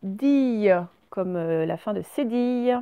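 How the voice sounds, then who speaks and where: Woman, schoolteacher, reading lesson for small kids, slow careful explaining, medium pitch, dry close sound. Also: animated, no echo, highs cut off. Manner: slow, clear, explains each word step by step. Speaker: teacher. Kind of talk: recorded reading lesson for young children.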